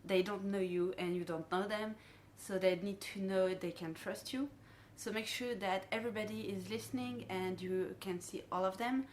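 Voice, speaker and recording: A woman's voice: medium pitch, fairly even intonation, normal speed, few pauses, a little hiss or hum. French-accented woman giving a dive safety briefing. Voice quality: non-native English phrasing. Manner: explanatory safety briefing delivery, addressing divers directly. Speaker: dive guide and instructor. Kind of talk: instructional dive briefing talk.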